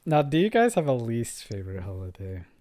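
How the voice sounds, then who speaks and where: A man's voice: medium pitch, very animated, brisk, mellow. A man hosting a casual podcast chat, laughing often and checking for agreement with "okay?". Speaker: podcast host.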